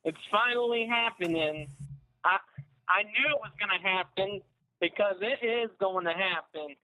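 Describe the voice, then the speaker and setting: A young man in his twenties phones in to a live show, eager and stumbling over his words. His voice sits high. He speaks over a phone line with a bright edge. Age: 20s. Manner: halting, eager, restarts often. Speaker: caller. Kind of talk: phoning in to a live podcast.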